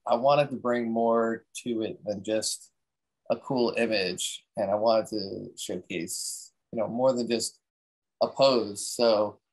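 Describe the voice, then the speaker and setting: A man's voice: fairly low pitch, steady tone, slow, poor audio. A man giving a casual, rambling talk that explains a photography technique, with many fillers and restarts.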